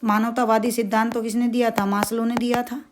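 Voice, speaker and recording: A woman's voice: on the high side, flat delivery, a little fast, slight background noise. A woman teacher with a north Indian accent giving an exam-prep lecture, asking questions and answering them herself, repeating key terms and using everyday stories. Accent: Hindi, north Indian. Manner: uses everyday stories and dramatic asides.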